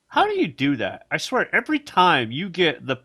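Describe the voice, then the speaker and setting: Bright-voiced joking man. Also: on the high side, huge pitch swings, breathy edge, no room sound, studio quality. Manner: joking, chiming in, quick to laugh. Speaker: podcast co-host. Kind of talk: casual chat.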